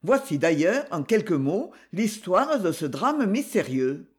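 A man's voice: high voice, sing-song, measured pace. A man reading the part of an angry chained nobleman prisoner, fierce and accusing in an audiobook. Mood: confiding.

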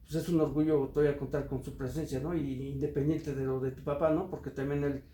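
A man's voice: mid-range voice, flat delivery, a little fast, mellow, slight background noise. A man interviewing a guest for community radio, speaking formally and courteously with frequent filler words. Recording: roomy echo.

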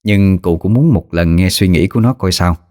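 A man narrating a story in a measured, plain reading voice. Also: sits low, mellow. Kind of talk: audiobook narration. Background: faint music.

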